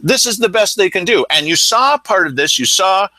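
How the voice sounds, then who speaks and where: A man hosting a local news talk show, telling stories in a casual, animated way and acting out what others said. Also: sits high, normal speed, no room sound, low-quality recording. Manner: animated storytelling, acting out quotes. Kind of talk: casual commentary chat.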